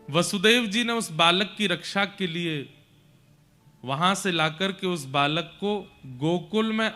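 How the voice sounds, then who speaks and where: A solemn grown messenger, hesitant and formal, speaking low and heavy, as a male preacher plays him. Soft music lingers behind his careful words.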